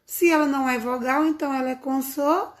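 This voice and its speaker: A woman's voice: high voice, steady tone, a little fast. A woman teaching young children a remote lesson, speaking in a sing-song, affectionate teacher manner, recorded on a phone. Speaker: primary school teacher.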